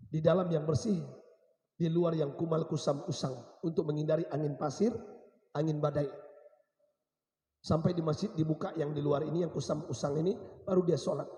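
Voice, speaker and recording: A man's voice: a little high, mellow. A man preaching a sermon, emphatic, repeating rhetorical questions to his congregation. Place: mosque hall. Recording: echoey mosque hall.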